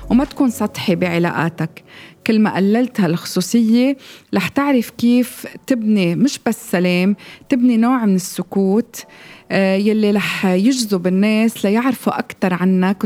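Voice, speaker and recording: A woman podcast host speaks in Lebanese-accented Arabic, with a mid-pitched voice. She delivers a self-help monologue straight to the listener, building points through repeated phrasing. Soft music runs faintly behind her.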